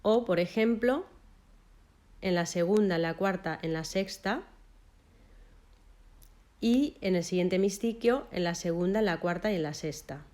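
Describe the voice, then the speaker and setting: A woman with a mellow, lowish voice walks through a literature lesson, listing its technical terms one by one, measured and punctuated by short pauses.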